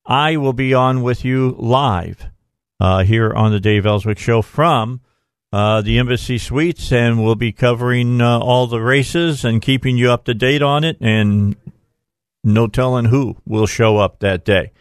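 A man hosts conversational political talk radio with folksy, informal phrasing. His voice is mid-pitched and sits close on the microphone in a very dry studio. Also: a little slow, smooth, no room sound. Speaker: radio talk show host.

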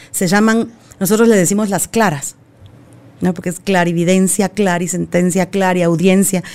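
A woman's voice: mid-range voice, warm tone. A middle-aged woman, a guest medium who chats casually, explaining in lists and laughing often. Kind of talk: casual conversation.

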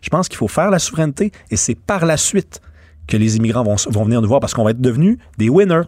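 Québécois man, opinionated commentator, quick delivery, husky voice, dry studio sound. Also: medium pitch, no room sound. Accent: Québécois French. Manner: animated, opinionated, stammering restarts. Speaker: radio show host. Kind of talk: political commentary chat.

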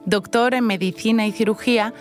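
A woman's voice: on the high side, steady tone, a little fast, soft background music. Woman narrating a news report.

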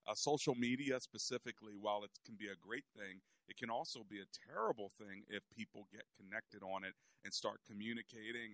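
A man hosting a radio talk show, speaking in a halting monologue with rhetorical questions and repetition. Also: lowish voice, a bit bright, no room sound.

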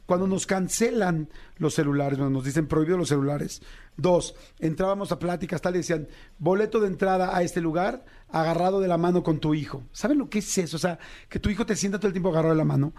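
A Mexican man hosting a podcast, telling stories in a lively, casual way with colloquial slang. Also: a little high, quick pace. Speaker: podcast host. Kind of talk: casual chat.

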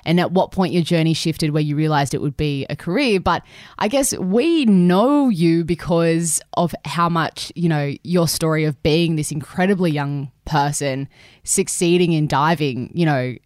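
A woman's voice: deep voice, moderate pace, darkish tone, no room sound, clean studio sound. Chatty woman podcast host. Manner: chatty, many fillers and restarts. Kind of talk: casual interview.

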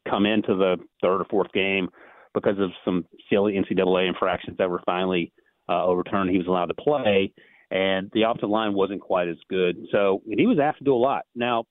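Man, draft analyst on a phone call, very low voice, rapid delivery, repeats words while restarting, thin phone-line sound. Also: fairly even intonation, no echo. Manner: fast, rambling, repeats words when restarting. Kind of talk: sports radio analysis over the phone.

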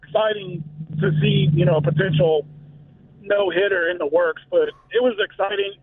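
A man calling in to a sports radio show, slightly hoarse, talking in an excited, rambling way with fillers. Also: high-pitched, normal speed. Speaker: caller. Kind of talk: casual call-in chat. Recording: tinny phone line.

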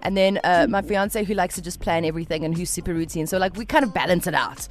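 A woman's voice: on the low side, fast, soft background music. South African woman hosting casual radio chat. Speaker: radio show host.

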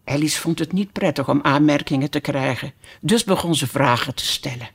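A narrator reading a children's classic aloud, in a calm, measured and expressive way. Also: medium pitch, husky. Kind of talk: slow audiobook storytelling.

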